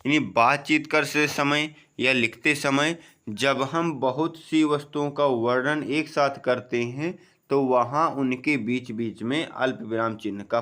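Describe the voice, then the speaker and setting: A man giving an exam-prep grammar lesson, slowly explaining, asking and answering his own questions, often saying "okay" and "friends". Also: fairly bright tone. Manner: drops low on the answer words. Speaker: teacher.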